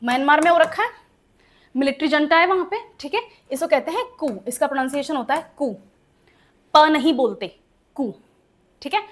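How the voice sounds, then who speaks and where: High-voiced woman teaching vocabulary. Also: brisk. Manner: explains step by step, spells words letter by letter, asks checking questions. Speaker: English teacher. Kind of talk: exam-prep vocabulary lesson.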